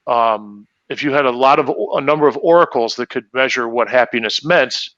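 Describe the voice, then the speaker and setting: Male panelist, sharp tone, muffled lo-fi line, hesitant. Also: medium pitch, moderate pace, no room sound. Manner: thinking aloud, many restarts. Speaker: panel guest. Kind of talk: casual panel discussion.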